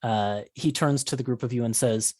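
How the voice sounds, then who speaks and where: A man working as game master, narrating a tabletop role-playing game in a casual, halting way. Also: medium pitch, fairly even intonation, a little mellow, no room sound, studio quality.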